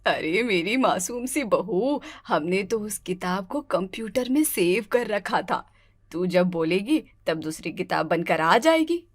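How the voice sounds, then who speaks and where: A woman's voice: mid-range voice, lively intonation, unhurried, pitched below the performer's own voice. A woman voicing a strict, domineering older mother-in-law in a cartoon, with a commanding, scolding manner. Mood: stern. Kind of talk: cartoon voice acting.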